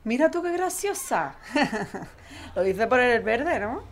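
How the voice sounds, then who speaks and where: In an audio drama, a woman with an Andalusian accent plays a cheerful, chatty neighbour who is a keen football fan and an office-worker mother, and she's effusive and folksy about it. Her voice sits on the high side with big swings in pitch, and she takes her lines slowly. The acting is heavy, the kind you hear in conversational audio fiction.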